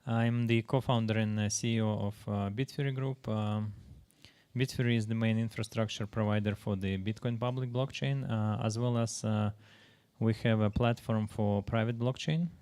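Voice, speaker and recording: Halting man from Latvia, mellow tone. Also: on the low side, steady tone, clean tone. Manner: halting, many filler pauses. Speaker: panelist, company founder. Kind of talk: panel self-introduction.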